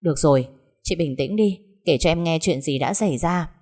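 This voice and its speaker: A woman voicing a gentle, level-headed younger sister who soothes her family. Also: sits low, a little fast. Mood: calm caring. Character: caring, calm younger sister.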